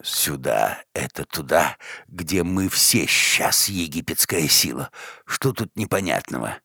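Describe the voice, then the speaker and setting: A man voicing a grumpy old man with a creaky voice, gruff and mocking, in an audiobook story. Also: a bass voice, animated, slow, pushed and bright, no room sound, studio quality, exaggerated voice. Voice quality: creaky, grating.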